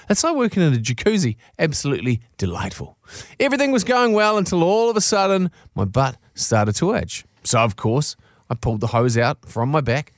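A man's voice: mid-range voice, no room sound. A man co-hosting a radio show in a casual, blokey, slangy way, chatting and telling stories in a studio. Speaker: radio co-host. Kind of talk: casual radio chat and animated reading aloud of a comic anecdote.

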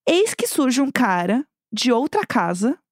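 Young woman, high voice, dry close sound, lively storyteller, casual podcast co-host. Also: unhurried, no room sound. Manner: animated storyteller acting out quoted voices.

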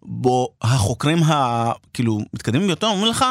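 A man, co-hosting a casual chat and telling animated stories. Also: medium pitch, no room sound, studio quality. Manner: animated storyteller, quotes people in raised voices. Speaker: podcast co-host.

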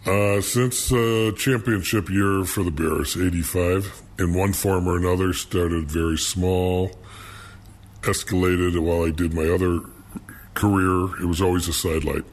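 An older man speaking through a deep, pitch-lowered disguise as an anonymous bookie, answering interview questions in a halting way with many fillers. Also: fairly even intonation.

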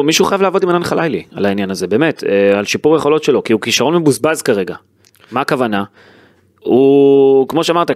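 A man's voice: mid-range voice, no echo, clean studio sound. A man hosting a sports podcast, chatting casually and animatedly about a football match, with frequent fillers and restarts. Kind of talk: casual football analysis chat.

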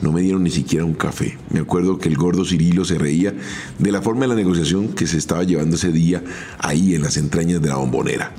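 A middle-aged man with a Colombian accent, a former footballer telling his own career story in a measured, step-by-step podcast monologue. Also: deep voice, dark tone, slight background noise. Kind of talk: first-person podcast storytelling.

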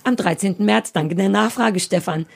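A woman's voice: medium pitch, moderate pace, creaky. A woman co-hosting a podcast and author, from eastern Germany, chatting casually and teasing her co-hosts in a playful way. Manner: playful, teasing, self-promoting. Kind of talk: casual chat.

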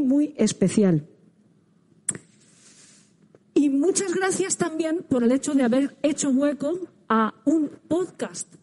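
A high, dark-toned woman's voice comes muffled through a face mask. She has a Spain Spanish accent and hosts a live round table. Her welcome is formal and courteous. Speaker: podcast host and round-table moderator. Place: stage at a public event with an audience.

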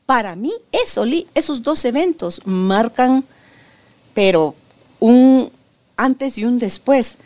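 An older woman tells stories in a lively, emphatic way. Her voice sits fairly high, and she stresses her points with quick asides. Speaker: grandmother sharing relationship advice. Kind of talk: casual interview conversation.

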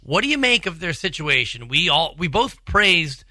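A man's voice: a little high, big pitch swings, normal speed, bright, forceful tone, dry recording. A man hosting a sports talk show, presenting recaps and putting questions to a co-host.

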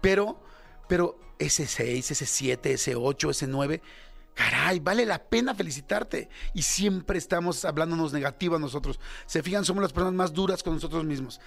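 A man's voice: fairly high pitch, normal speed, creaky, a bit bright, faint music behind. A radio host in his fifties with a Mexican accent, talking candidly to listeners in a casual reflective monologue, full of fillers and self-deprecating asides. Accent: Mexican Spanish. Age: 50s.

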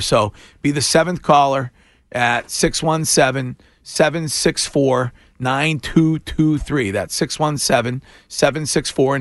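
A man's voice: mid-range voice, a bit bright, no echo. A man working as a morning radio host, delivering a contest promo in an announcer-like manner. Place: radio studio.

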